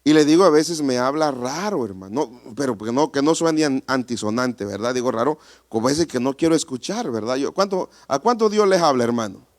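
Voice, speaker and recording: Lively animated preaching pastor. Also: male voice, mid-range voice, a little fast. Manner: animated preaching, rhetorical questions to the congregation. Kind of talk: sermon. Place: church.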